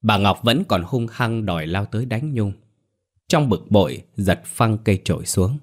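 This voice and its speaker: A man narrating a scripted ghost story in a steady, measured way. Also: lowish voice.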